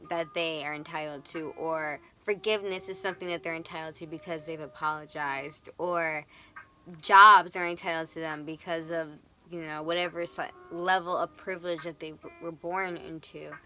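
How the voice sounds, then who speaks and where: Bright-voiced, chatty young woman reading tarot. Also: lowish voice. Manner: animated, chatty, swings into playful quoted voices. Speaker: tarot reader. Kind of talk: casual tarot reading vlog.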